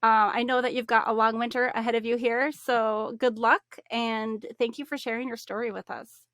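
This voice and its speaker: A woman hosts a podcast, asking friendly questions in a slightly higher voice and answering with brief acknowledgements. The sound is dry and close. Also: flat delivery, normal speed, a bit bright, no room sound. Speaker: podcast host. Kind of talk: casual interview chat.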